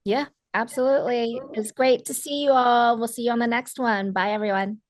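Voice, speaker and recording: A woman photographer co-hosting a casual podcast, chatty and lively as she retells events. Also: on the high side, a little fast, dry recording, studio quality.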